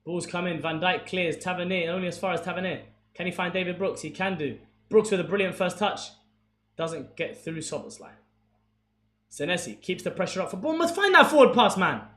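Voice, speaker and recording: Here a young streamer's voice is high-pitched and brisk as he commentates a football match live, excitable and casual, talking to his chat between plays. The recording carries room echo and faint background noise.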